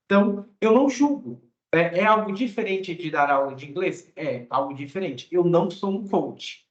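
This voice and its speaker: A fairly high-voiced man from Mato Grosso, Brazil, talks casually as an English teacher, explaining ideas to his students. He keeps it conversational and checks in with little question tags. The recording is echoey and a bit dull, as if made on lo-fi gear. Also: lively intonation, normal speed. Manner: conversational, often ends phrases with a questioning tag. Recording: echoey room, dull lo-fi sound.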